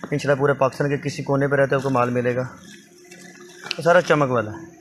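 In a casual vlog shot on a close-held phone, a young Pakistani seller of secondhand clothing bundles keeps urging his audience to view the items and phone in. He's inside a small clothing shop, talking fast in a level, medium-pitched voice against slight background noise.

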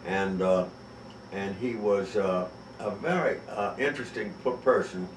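A man's voice: fairly low pitch, a little hiss or hum. Rambling older man, echoey. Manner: rambling, halting with many pauses. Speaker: interviewee recalling a prank. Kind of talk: casual storytelling. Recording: echoey room from a distance.

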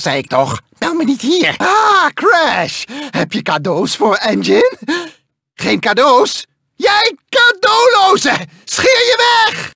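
A man's voice: sharp tone, no echo, studio quality, exaggerated voice. A man voicing a manic, whiny mad scientist villain in a video game, theatrical and strained, swinging between gloating and wailing. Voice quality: shrill, strained, gravelly. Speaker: video game character voice actor. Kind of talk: exaggerated cartoon video game voice acting.

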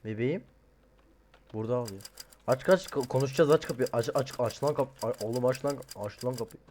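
A young man doing casual horror game commentary, joking and mumbling, then yelling in panic. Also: mid-range voice, fairly quick, slight background noise. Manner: jokey, swings from mumbling to loud panicked yelling. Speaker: gaming streamer.

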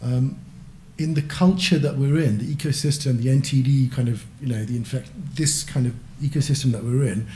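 A man's voice: mid-range voice, fairly even intonation, a little fast, hardly any pauses, warm tone, echoey room, slight background noise. A man moderating a panel discussion from a lectern, conversational with frequent fillers. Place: conference auditorium, standing at a lectern. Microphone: lectern microphone.

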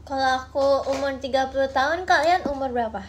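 Playful young woman, high voice. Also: fast talker, slight background noise. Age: 20s. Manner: playful, musing, drifts into soft murmurs. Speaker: idol livestreamer. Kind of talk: casual late-night livestream chat. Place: small bedroom at night. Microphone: phone at arm's length.

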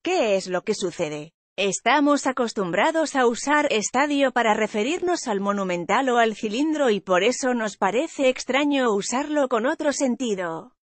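A woman's voice: fairly high pitch, lively intonation, moderate pace, no echo. Woman reading news in a dry voice. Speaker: news reader. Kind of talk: reading a news article aloud.

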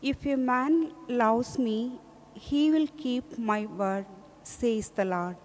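Female lector, slow solemn psalm reading, reverberant church. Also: on the high side, a little mellow. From India. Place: large indoor church, at a lectern. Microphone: gooseneck microphone on lectern.

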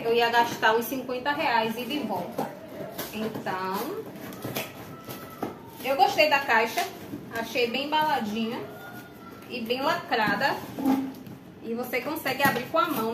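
A young woman from Brazil with a Bahian accent, chatting casually to viewers while unboxing in a small room, recorded on a camera mic. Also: a little high. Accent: Bahian Brazilian Portuguese. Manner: chatty, addresses viewers often. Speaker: vlogger. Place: small room indoors, plain wall. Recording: echoey room, faint background noise.

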